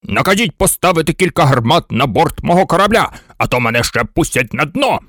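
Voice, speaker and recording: A narrator voicing a gruff toy sailing-ship captain who thunders in a storybook. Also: medium pitch, sing-song, brisk, a bit bright, no room sound, clean studio sound.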